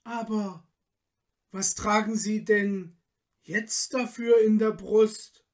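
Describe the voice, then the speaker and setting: A frightened young man from a storybook pleads anxiously, his words slow and worried, as a man acts him out. The voice rides fairly high and unhurried. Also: steady tone, darkish tone. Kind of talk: dramatized storybook reading.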